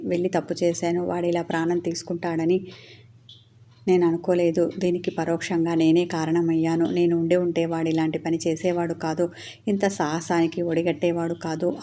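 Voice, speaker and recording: A grieving older aunt, anxious and full of self-blame, as a woman reads her lines in a storybook. The voice sits low, flat and mellow. Faint background noise is heard. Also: lightly acted.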